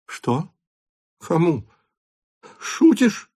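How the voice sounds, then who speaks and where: A man's voice: fairly high pitch, wildly swooping pitch, drawn-out words, mellow, pitched above the performer's own voice, heavily acted. A man reading an audiobook aloud and voicing a jovial, flustered old count who talks in raised exclamations.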